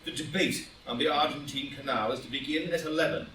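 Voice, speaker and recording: In an anguished, despairing performance, a man voices a proud, shame-ridden statesman with melodramatic declamation for a stage play read aloud as audio drama. His voice leans high and a little fast, close to everyday speech. The live indoor reading has background noise, music, and roomy sound from a distant mic.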